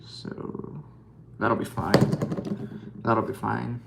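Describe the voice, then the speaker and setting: A man's voice: fairly low pitch, fairly even intonation, extremely slow, creaky, a bit bright, a little hiss or hum. A man casually talking through a scale model repair, rambling and joking at himself with plenty of fillers. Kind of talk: casual hobby vlog commentary.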